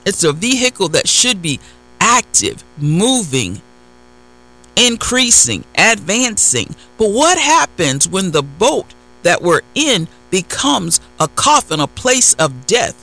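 A man's voice: high-pitched, pushed and bright, rough recording. A man preaching a sermon, reading scripture verses and then retelling them in plain words with repeated phrases.

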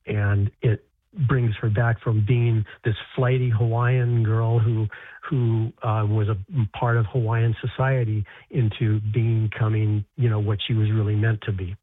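An American man, an author guest, speaking in a halting way with many restarts and repeated words. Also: on the low side, flat delivery, dry recording. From United States. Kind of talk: interview conversation. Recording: tinny phone line.

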